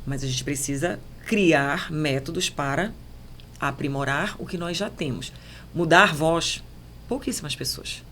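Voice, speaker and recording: Woman, Paraense accent, low voice, podcast guest, measured, emphatic. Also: fairly bright tone, slight background noise. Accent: Paraense Brazilian Portuguese. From Belém, Pará, Brazil. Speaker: journalist guest. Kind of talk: podcast conversation.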